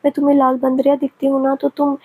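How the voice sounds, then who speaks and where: A woman's voice: sits high, monotone, fast, mellow, close to an everyday voice. A woman reading aloud as a feisty young woman in a family story, speaking sharply and quarrelsomely.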